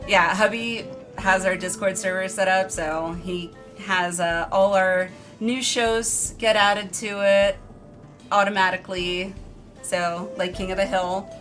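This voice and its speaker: A woman's voice: medium pitch, steady tone, measured pace. A woman live streamer chatting casually with her viewers in an informal, rambling, self-deprecating way. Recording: music behind the voice. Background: background music.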